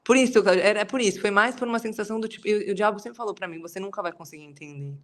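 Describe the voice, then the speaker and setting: A Brazilian woman leads a church study group and talks quickly through a long personal story. Her speech rambles and leans on constant fillers in a loose, conversational flow. Her voice sits at a middle pitch for a woman. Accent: Brazilian Portuguese. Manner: chatty, rambling, many fillers. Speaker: Bible study group leader. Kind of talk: casual testimony in a group.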